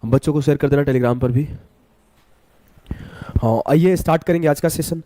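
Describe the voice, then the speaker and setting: A man teaching a live online maths class while unwell. He talks slowly, repeating key terms and asking and answering his own questions. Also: a little high, warm tone, no echo.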